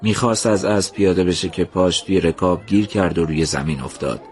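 A man narrating a story in a slow, measured, somber reading. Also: low voice.

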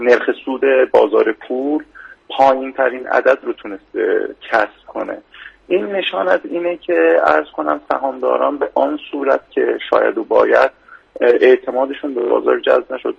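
A man with a heavily gravelly, breathy voice gives formal expert answers on a radio interview. He talks in a measured way and keeps pausing on hesitation fillers. The sound is dull and lo-fi, like a broadcast radio feed. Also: mid-range voice. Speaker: financial expert guest.

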